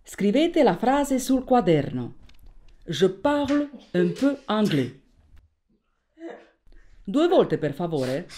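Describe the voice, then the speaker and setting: A strict, lively schoolteacher. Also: female voice, medium pitch, slow, long pauses, a little hiss or hum. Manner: firm and instructive. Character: strict but fond female schoolteacher. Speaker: French teacher. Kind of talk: Italian film dubbing.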